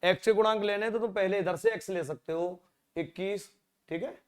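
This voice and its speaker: A man teaching exam-prep maths, his voice sitting a little high. He talks to the class conversationally, throwing out rhetorical questions and muttering quietly as he works through the sums. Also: normal speed. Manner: conversational, rhetorical questions, drops to a low mutter when working.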